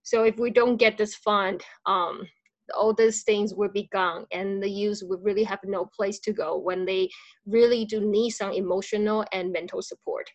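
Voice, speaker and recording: A woman school counselor giving an earnest public comment over a video call, with frequent uh fillers and halting phrasing. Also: mid-range voice, steady tone, no room sound, muffled recording.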